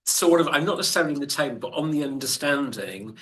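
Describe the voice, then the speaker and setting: Bright-toned man speaking at a board meeting. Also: fairly high pitch, lively intonation, fast, slight background noise. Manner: hesitant, many ums, thoughtful. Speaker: board member. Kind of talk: meeting contribution. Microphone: video call.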